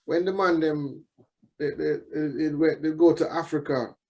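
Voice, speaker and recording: A man with a Jamaican accent chatting casually as an interview guest, reflective and halting, often repeating his words. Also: fairly high pitch, steady tone, darkish tone, low-quality recording. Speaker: musician guest.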